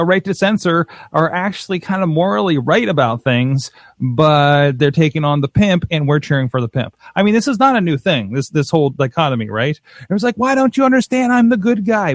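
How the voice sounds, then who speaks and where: A man co-hosting a casual chat, talking in an excitable, rambling way with many restarts. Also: fairly high pitch, dry recording. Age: adult with a father-in-law. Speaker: podcast co-host.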